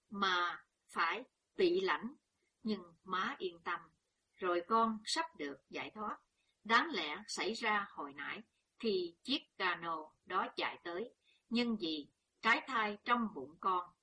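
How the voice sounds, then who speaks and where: A woman's voice: medium pitch, lively intonation, slow pace, bright, forceful tone, breathy edge, full character voice. A woman doing a young woman in pain. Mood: strained. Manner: strained but composed.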